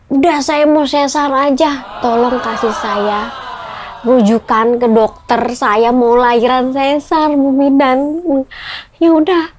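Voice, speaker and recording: A woman's voice: sits high, darkish tone. A young woman telling a personal story in a vlog, emotional and tearful at times, acting out the voices of the people she quotes. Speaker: vlogger. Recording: music playing behind the voice.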